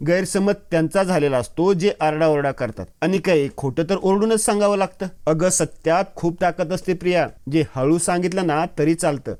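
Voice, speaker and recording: A man reading the lines of a calm, determined young woman about to be married, in a composed and firm way. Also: a little high, moderate pace, hardly any pauses, clear, resonant tone, lightly acted. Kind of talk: reading a character's dialogue in a recap.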